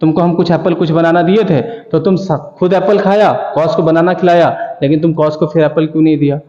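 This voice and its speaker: A reproachful mother scolding her boy, as a man puts her on in a classroom story, with a higher, mellow voice. The sound is dull and lo-fi in an echoey room with a long reverb. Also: steady tone, fairly quick, natural voice. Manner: reproachful, talking down to a child.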